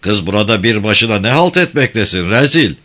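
A man reading a story aloud, voicing a coarse, brash young village man who talks roughly and swears. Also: fairly low pitch, animated, brisk, bright, forceful tone. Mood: gruff. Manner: gruff, swearing, blustering.

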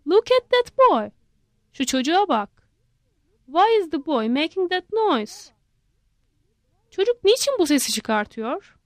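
A woman's voice: very animated, slow pace, pauses often, no echo, studio quality, heavily acted. A woman voicing a fussy, talkative male monkey who keeps asking questions. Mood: curious. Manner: high, prodding questions.

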